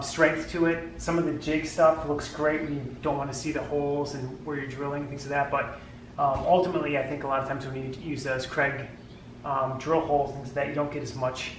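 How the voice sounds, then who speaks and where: Poor audio with a roomy sound and slight background noise frames a mid-range, slightly bright male voice. He's a tired DIY host in his forties, indoors in his garage workshop, rambling through a woodworking build with frequent ums and restarts.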